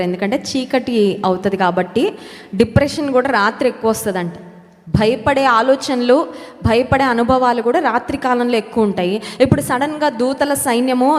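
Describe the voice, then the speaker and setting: A woman preaching a sermon who repeats key words for emphasis, puts questions to her listeners and slips English phrases into her talk. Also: a little high. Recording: long hall reverb.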